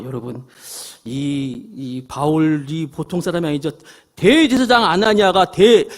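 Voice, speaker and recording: Brief middle-aged male pastor, high-pitched and lively, theatrical sermon storytelling. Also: slightly rough. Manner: animated storytelling, acting out quoted lines and laughing at the text. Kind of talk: Sunday sermon.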